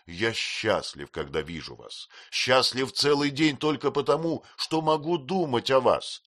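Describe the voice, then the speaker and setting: A man reading an audiobook voices a devoted young man who gently soothes a crying girl. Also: medium pitch, animated, measured pace, pitched above the performer's own voice. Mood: tender soothing. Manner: tender, soothing.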